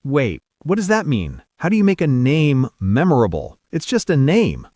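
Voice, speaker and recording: Animated, comic American man. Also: medium pitch, normal speed, no echo, studio quality. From United States. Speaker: learner in a lesson dialogue. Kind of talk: scripted conversation lesson.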